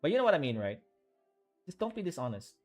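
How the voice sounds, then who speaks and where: Male artist livestreaming as he draws: relaxed, rambling chat full of restarts, with soft music under it. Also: a little high. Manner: rambling, halting, with many fillers and restarts. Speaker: artist streaming while drawing.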